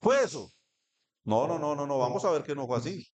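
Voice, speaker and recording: A man's voice: on the high side, lively intonation, a little fast. A man with a Colombian Spanish accent preaching a sermon, reading scripture and asking the congregation questions. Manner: asks the congregation questions, reads scripture aloud. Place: church hall. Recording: echoey church room.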